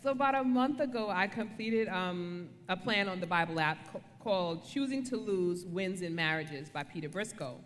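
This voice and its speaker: A woman's voice: fairly low pitch, moderate pace, few pauses, a little hiss or hum. A woman giving a casual devotional talk on marriage as co-speaker, conversational and playful, often checking for agreement. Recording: reverberant room.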